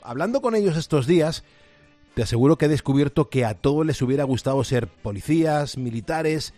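A man's voice: fairly high pitch, lively intonation, brisk, dark tone, dry recording, faint music behind. Man reading a radio report.

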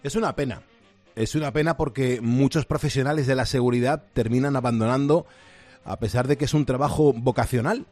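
A man's voice: medium pitch, brisk, darkish tone, soft background music. Man reading a radio report.

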